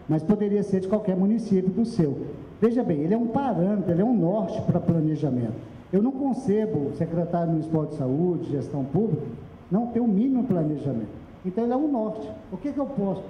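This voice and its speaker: High-voiced man lecturing in echoey room. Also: slight background noise. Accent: Brazilian Portuguese. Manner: emphatic, gesturing, directs slide operator. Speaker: speaker at a public accounting seminar. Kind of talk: explanatory presentation. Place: small meeting room with audience. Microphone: handheld microphone. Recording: echoey room recorded from afar, dull.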